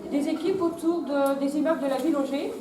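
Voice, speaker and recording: A high-pitched woman briefs a group of volunteers informally, feeling her way through the instructions. She is picked up from a distance in a noisy, reverberant room. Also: fairly even intonation, quick pace, dark tone. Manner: hesitant, improvised. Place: large echoey room with volunteers. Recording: echoey, noisy room from far off.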